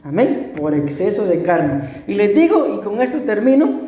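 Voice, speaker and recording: A man's voice: high-pitched, big pitch swings, normal speed, dark tone. A middle-aged man with a Costa Rican accent, preaching a sermon and telling a personal story in an earnest, emphatic and repetitive way. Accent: Costa Rican Spanish. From Costa Rica. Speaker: pastor. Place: church hall. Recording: echoey church hall.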